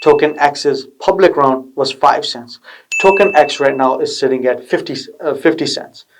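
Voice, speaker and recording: A man's voice: mid-range voice, moderate pace, background noise. A man hosting a video channel, giving a casual motivational explainer in a slangy, pushy tech-bro manner. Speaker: video channel host giving investment advice.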